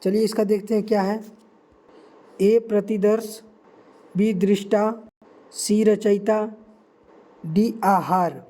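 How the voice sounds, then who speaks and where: A young man tutoring for an exam, reading out answer options slowly and repeating key words for emphasis. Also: high voice, fairly even intonation, mellow. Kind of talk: quiz-style teaching.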